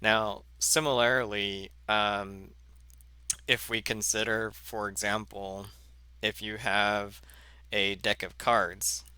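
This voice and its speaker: A man teaching a math lesson in a slow, halting way, full of fillers and self-corrections. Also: fairly low pitch, level tone, pushed and bright, clean tone, no room sound. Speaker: math instructor. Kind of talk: recorded lecture.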